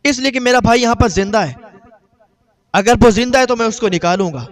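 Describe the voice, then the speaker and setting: A man's voice: very high-pitched, voice pushed up. A man preaching voices a grief-stricken man who mourns his brother and tells the tale in a lamenting, pleading way. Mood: grieving.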